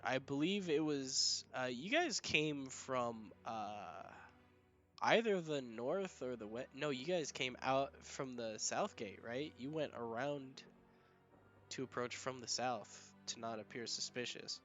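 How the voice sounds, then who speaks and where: Game master, male, bright sharp voice, chatty, laughs a lot between ums. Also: medium pitch, expressive, slow pace, muffled recording, faint music behind. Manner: chatty, frequent laughter and filler words. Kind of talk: narrating a tabletop game.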